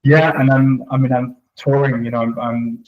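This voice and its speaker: A man chatting casually, often halting and restarting, heard with room echo from a big empty room. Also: medium pitch, flat delivery, dull audio. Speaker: guest. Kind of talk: casual chat.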